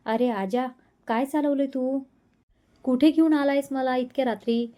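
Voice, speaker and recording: A man's voice: very high voice, fairly even intonation, moderate pace, mellow. A woman reading an exasperated young buddy. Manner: irritated, bewildered. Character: exasperated young male best friend.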